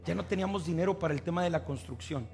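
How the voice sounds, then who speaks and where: A Mexican pastor preaching a sermon, telling stories and acting out dialogue before building to emphatic appeals. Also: male voice, on the high side, racing, darkish tone, soft background music.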